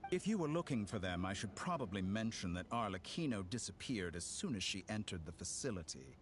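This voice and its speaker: A smug game villain scientist, super swoopy delivery, fake polite and mocking, some noise behind. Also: male voice, fairly low pitch, sing-song, a little fast. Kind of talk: video game voice acting.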